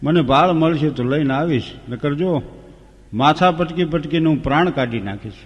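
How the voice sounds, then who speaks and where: A man's voice: fairly high pitch, moderate pace, husky, lo-fi sound. A man voicing the grieving young prince Rama, vowing in a solemn, half-sung verse. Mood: resolute. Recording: long hall reverb.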